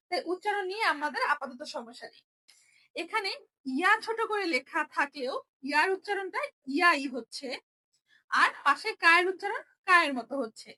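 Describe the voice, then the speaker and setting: A woman's voice: very high-pitched, sharp tone, poor audio. A woman teaching a Japanese class, patiently explaining step by step with example syllables. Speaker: Japanese language instructor. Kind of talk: spoken lesson explaining writing rules.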